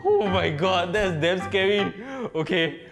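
On an indoor office studio set with background music, a young Singaporean-accented host conducts a comedic, casual interview, joking around in Singlish. He speaks unhurriedly in a high voice with vocal fry.

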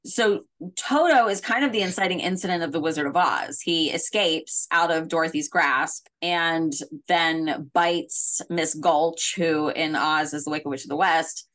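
A woman's voice: low voice, a little slow, hardly any pauses, fairly bright tone. A woman hosting a podcast in casual discussion, chatty and full of fillers. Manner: chatty, uses many fillers. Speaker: podcast host.

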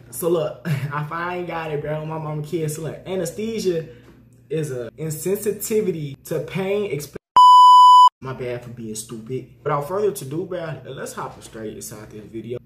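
A man's voice: a little high, a little mellow. A teenage guy hosting a reaction video in a casual, slangy vlog style. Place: small bare room indoors. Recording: echoey room, faint noise.

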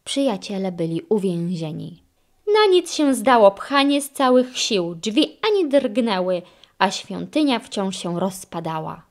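A woman narrating a children's audiobook with expressive storytelling. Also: medium pitch, unhurried.

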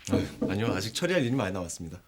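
A man's voice: lowish voice, sing-song, rapid-fire, a crowd in the background. A man playing a courteous, businesslike company director in a Korean TV drama, speaking politely and formally. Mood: deferential.

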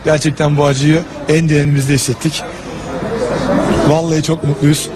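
A man's voice: on the high side, flat delivery, moderate pace, heavy background noise, close to an everyday voice. A man putting on a solemn, official-sounding post-match press statement voice. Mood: mock solemn.

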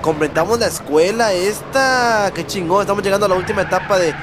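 A man with a Mexican accent doing excited, swearing gameplay commentary as a gaming host. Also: high voice, fairly quick, noisy background. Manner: excitable, swearing, mock-shouting at the game.

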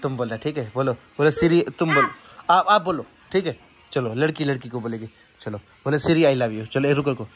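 A man's voice: medium pitch, normal speed, fairly bright tone. A man hosting a casual family vlog, chatting to his viewers as guys and teasing the children with him while out at the shops. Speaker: family vlogger. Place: out and about at shops and a market.

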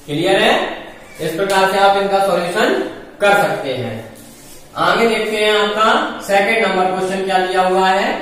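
A man with a high voice leads an exam-prep math lesson, working through each step and asking questions he then answers himself. He sounds far from the mic, in a strongly echoing room with a faint hiss behind him. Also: normal speed, a bit bright. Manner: explains step by step, asks and answers his own questions. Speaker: math teacher.

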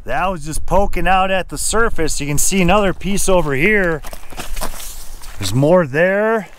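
A man's voice: high-pitched, unhurried, slight background noise. A man narrating his own outdoor prospecting vlog at an abandoned mine, thinking aloud and pointing things out as he goes. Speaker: gold prospecting vlogger.

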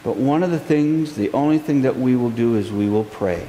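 A man in his forties, a pastor preaching a sermon from the pulpit in slow, emphatic phrases. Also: medium pitch, dark tone. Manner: earnest, gestures a lot, slow emphatic phrases. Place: church sanctuary, indoors. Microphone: pulpit mic, far camera. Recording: echoey sanctuary with long reverb, faint hiss.

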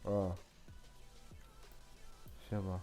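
A man's voice: low-pitched, monotone, extremely slow, dark tone, soft background music. A man chatting casually while gaming, teasing and pranking another player as a YouTuber. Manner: teasing, joking, playfully mocking.

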